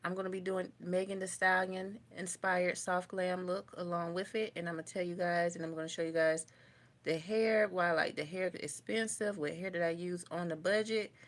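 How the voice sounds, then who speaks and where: A woman's voice: fairly low pitch, steady tone, normal speed. A young woman, chatting casually on a makeup livestream and answering viewer comments as she goes. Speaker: beauty vlogger doing a livestream. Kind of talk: casual livestream chat while doing makeup. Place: home, indoors.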